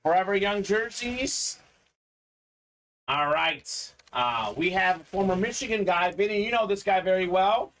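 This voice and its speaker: A Bulgarian man hosts a live sports memorabilia card break, chatty and upbeat, reading out viewer comments as he goes in typical live-stream sales patter. His high-sitting voice is a bit bright, with lively intonation and an unhurried pace. A little hiss or hum runs through the audio.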